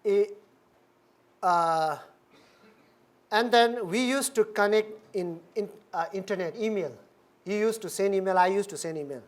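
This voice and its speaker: A woman minister from Sikkim, India, giving a personal testimony talk, acting out dialogue with frequent laughs and halting restarts. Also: mid-range voice. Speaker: Buddhist minister.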